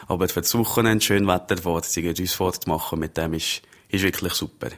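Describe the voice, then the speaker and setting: A man with an Upper Valais Swiss German accent speaks as a guest on a radio interview, answering in easygoing, rambling stories. His voice is very deep and low throughout. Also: fairly even intonation, a little fast. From Upper Valais, Switzerland. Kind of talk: conversational interview.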